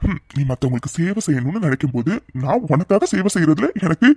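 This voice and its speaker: A man's voice: on the high side, animated, fast, a little mellow, breathy edge, dry recording. A man voicing a young husband in a cartoon, teasing, coaxing and doting as he chats with his wife.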